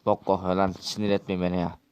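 A man's voice: low voice, flat delivery, quick pace, a little mellow, smooth. A man acting out a quarrelsome, swearing Minecraft role-play dialogue.

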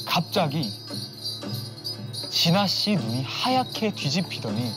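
A man telling a ghost story on a TV studio set, building suspense with drawn-out pauses. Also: on the high side, sing-song. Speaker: storyteller on a horror talk show. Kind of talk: dramatic ghost-story narration. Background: eerie background music.

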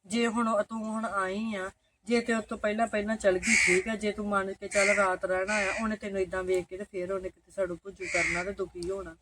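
A woman's voice: medium pitch, little pitch movement, brisk, noisy background, close to an everyday voice. A woman playing a poor village mother of twin sons who fusses over her sister-in-law and firmly refuses her. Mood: fussing. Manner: fussing, exclaiming, firm.

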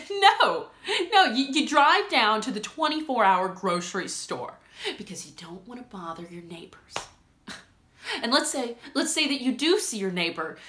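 A young woman acting a stage monologue as a rambling, self-conscious, lonely woman, halting and repeating her words in an emotional way. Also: a little high, very animated, a bit bright. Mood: nervous, rambling. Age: young adult. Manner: halting, rambling, repeating words, swinging between nervous laughter and tearfulness. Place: small room indoors with bare wall. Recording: roomy echo.

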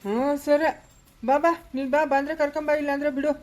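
A woman's voice: high voice, fairly even intonation, a little fast, close to an everyday voice. A woman playing a stern village father who scolds and gives orders, with a Chikkaballapur Kannada accent. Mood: scolding. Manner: scolding, commanding.

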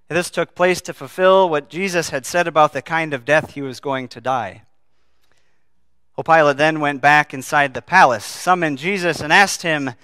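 A man's voice: on the high side, bright, forceful tone, smooth, dry recording, clean studio sound. A man who is a pastor, preaching a sermon and reading scripture aloud, earnest and asking the congregation questions.

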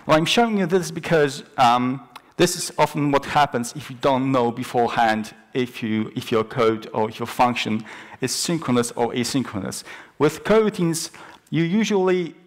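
A young man presenting a technical talk on a large conference stage, explaining step by step with frequent ums and restarts. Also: mid-range voice. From Poland. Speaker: conference speaker.

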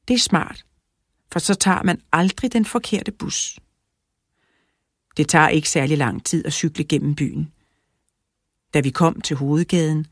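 A woman narrating a children's audiobook in a clear, even storytelling manner, close to the mic. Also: deep voice, no room sound. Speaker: audiobook reader.

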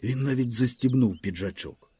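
A man's voice: mid-range voice, normal speed, dark tone, slightly rough, no echo. A man reading a literary story aloud as an audiobook narrator, telling it expressively and vividly.

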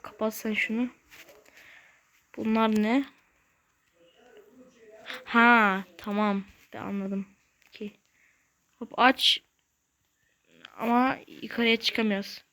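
Slow-talking excitable woman gamer. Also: on the high side. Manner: excitable, blurts slangy exclamations and mild curses; talks to self while playing, short bursts. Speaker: gaming channel host. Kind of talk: casual let's-play commentary.

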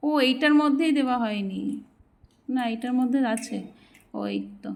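Young woman, chatty kitchen vlog, slightly high voice, faint hiss. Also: moderate pace. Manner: chatty, talks softly while cooking so the child can sleep. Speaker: vlogger. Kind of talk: casual home vlog narration. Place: home kitchen.

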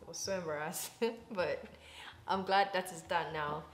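Chatting casually to camera indoors, an affectionate, talkative Ghanaian woman in her 20s uses a lowish voice with fairly even intonation and moderate pace. The echoey home recording has a music bed and slight background noise.

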